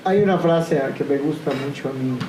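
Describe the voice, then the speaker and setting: A man giving an earnest, steady church talk. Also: a little high, normal speed. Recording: distant mic in echoey room, faint noise.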